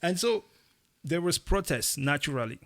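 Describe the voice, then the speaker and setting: Casting: young male co-host from Cameroon, gravelly voice, emphatic delivery with animated bursts. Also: fairly high pitch, moderate pace. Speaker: podcast co-host. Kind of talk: casual opinion chat.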